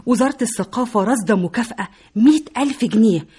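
An earnest young Egyptian daughter. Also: female voice, a little high, lively intonation, very fast, mellow, breathy edge. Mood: earnest reassuring. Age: young adult. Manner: earnest, reassuring. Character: devoted young daughter, hardworking student. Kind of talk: radio drama acting.

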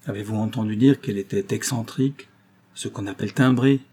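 A man reading the part of a cold, secretive young noblewoman who speaks in a grave, measured tone. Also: on the low side, warm tone, slightly rough.

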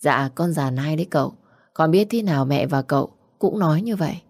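A poor young orphan man speaks in a low, mellow tone, tender and pleading, as a woman reading the story gives him voice. The sound is dry and close. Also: lively intonation, a little fast, dry recording. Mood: meek.

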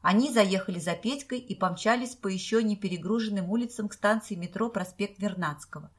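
A woman's voice: medium pitch, brisk, slightly rough. A woman reading a storybook aloud in scripted narration, voicing all the characters herself. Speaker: audiobook narrator.

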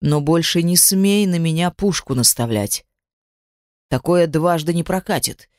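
A woman doing a gruff, mocking crime-boss man. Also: fairly low pitch, measured pace, a little mellow, no echo, clean studio sound, close to an everyday voice. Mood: gruff teasing. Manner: mocking, menacing, curt. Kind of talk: audiobook character voice.

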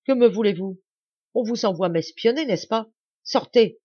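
A woman reading an audiobook, voicing a proud middle-aged man who shouts in menacing fury. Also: on the low side, expressive, normal speed, slightly rough, no echo, muffled recording.

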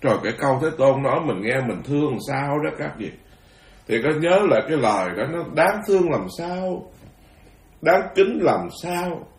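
Man, Buddhist monk, animated storytelling sermon, laughing asides, roomy echo. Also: a little high, normal speed. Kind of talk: dharma talk storytelling.

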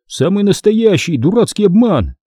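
A man's voice: sits high, big pitch swings, normal speed, mellow, breathy edge, no room sound, studio quality, voice pushed up, exaggerated voice. A man voicing an exasperated twelve-year-old boy arguing with his sister in an audiobook. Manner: exasperated, insistent. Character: indignant twelve-year-old boy who loves fantasy books. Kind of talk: audiobook character voice.

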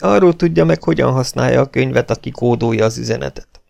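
A man's voice: medium pitch, gravelly, darkish tone. A man reading the part of a tough, wary British army officer in an audiobook, firm and clipped. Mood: determined.

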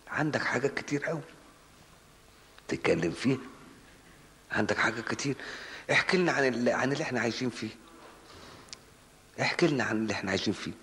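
Fast-talking Egyptian preacher in echoing hall. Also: male voice, on the low side. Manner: rhetorical questions to his listeners, scolding. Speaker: mosque preacher. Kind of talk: colloquial religious lesson. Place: large mosque hall. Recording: long reverberant mosque hall.

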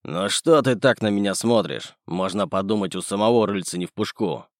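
A male audiobook reader voicing a gruff, bullying middle-aged businessman. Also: on the low side, moderate pace, no echo, studio quality, close to an everyday voice. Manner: sneering, bullying.

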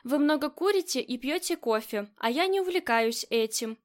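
A loyal, easygoing young bodyguard with a light, teasing way of speaking, in an audiobook, read in a high voice by a woman. He stays respectful while he jokes. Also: animated, moderate pace.

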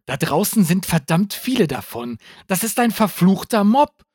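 A man voicing a tough, sharp-tongued woman politician who speaks curtly and bluntly. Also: sits high, sing-song, moderate pace, husky, no echo, studio quality, voice pushed up, heavily acted. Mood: hissing. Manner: curt, blunt and exasperated.

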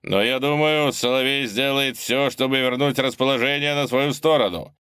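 Booming showman announcer as a man plays him, raised pitch, drawn-out words. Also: steady tone, sharp tone, clean tone, no room sound, studio quality, lightly acted. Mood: hyped. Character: excited arena announcer man, loud showman.

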